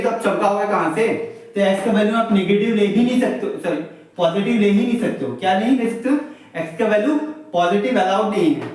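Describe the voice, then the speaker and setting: Male maths teacher, high pitch, repeats points with everyday examples, distant echoey recording. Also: darkish tone. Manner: explains step by step with homely examples, repeats points. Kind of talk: classroom lecture on graphs. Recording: very echoey room, voice from far off.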